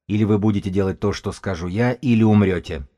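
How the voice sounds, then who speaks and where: Man doing a gang chief, blunt, curt, deep, dark-toned, menacing, audiobook. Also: quick pace, natural voice. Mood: threatening.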